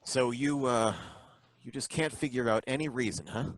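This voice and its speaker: In a live old-time radio drama, a male actor with a medium-pitched, natural voice plays a suspicious, bumbling license inspector who asks halting, probing questions. There is no room sound.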